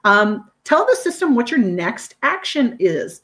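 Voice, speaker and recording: A woman leading a screen-share software training, explaining features in an upbeat, conversational way with frequent fillers. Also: fairly high pitch, sing-song, unhurried.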